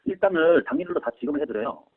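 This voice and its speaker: Raspy man with Yanbian accent, phone line. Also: a little high, lively intonation. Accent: Yanbian Korean-Chinese. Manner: halting, polite, repetitive. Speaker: recruitment team leader. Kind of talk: recruiting phone call. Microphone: telephone. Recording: tinny, narrow phone line.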